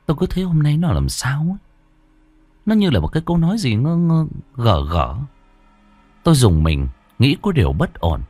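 A man's voice: on the high side, huge pitch swings, moderate pace, a little mellow, no room sound, faint music behind. A man narrating a ghost story in a dramatic, suspenseful way.

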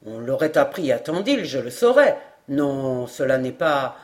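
A woman voicing a French army sergeant who speaks slowly, deliberately and firmly in an audiobook reading. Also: deep voice, lively intonation, pitched below the performer's own voice. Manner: slow, deliberate and firm. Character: old French army sergeant, slow and certain.

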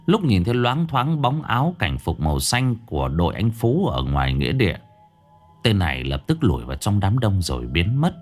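Male horror narrator, low and expressive. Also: moderate pace. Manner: dramatic, drops pitch for suspense. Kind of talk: scripted narration. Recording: faint background music.

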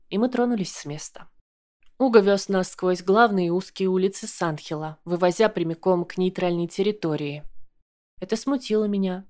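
A woman narrates an audiobook in the first person. Her reading is calm and measured, an even storytelling voice. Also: on the low side.

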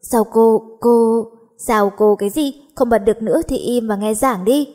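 Cocky teen boy picking fights in class, read by a woman, mellow husky voice, audiobook. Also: a little high, moderate pace, natural voice. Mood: teasing. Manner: teasing, bickering. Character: cocky teenage schoolboy, teasing and nosy.

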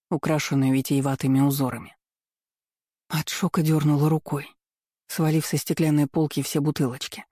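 A man reading a first-person romance novel aloud in a calm, even, unhurried way. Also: fairly high pitch, no echo, clean studio sound. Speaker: audiobook narrator.

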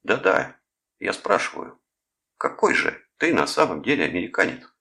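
A man's voice: low-pitched, big pitch swings, normal speed, gravelly, sharp tone, voice pushed up, exaggerated voice. A man voicing a cocky teenage boy who taunts a soldier with mock-formal politeness. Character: cocky teen male prankster, mocking.

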